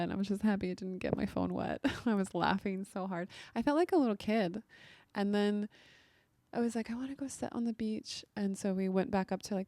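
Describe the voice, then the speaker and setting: A young woman recounts her evening in a relaxed, rambling vlog style, leaning on "like" as she talks. Her voice is mellow with a gravelly fry. It is recorded close and dry. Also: on the low side, no echo. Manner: chatty, lots of "like" fillers. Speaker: vlogger. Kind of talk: casual storytelling.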